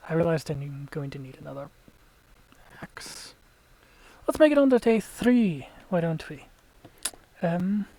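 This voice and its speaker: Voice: mid-range voice, a little mellow, poor audio. A let's play gamer giving casual, chatty gameplay commentary, explaining tactics to viewers and sometimes dropping to a whisper.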